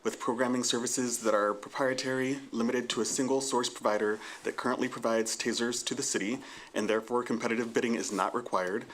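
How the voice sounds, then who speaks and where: A man speaking as a councilmember at a council meeting, reading ordinances aloud slowly and with filler uhs. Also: mid-range voice, fairly even intonation, a bit bright. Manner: slow and measured, with filler uhs. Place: city council chamber.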